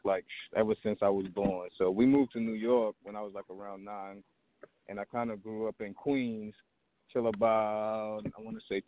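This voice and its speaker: Relaxed man on a tinny phone line. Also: lowish voice. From Trinidad. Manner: relaxed, rambling with many fillers. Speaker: barbershop owner, guest. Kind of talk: casual interview chat.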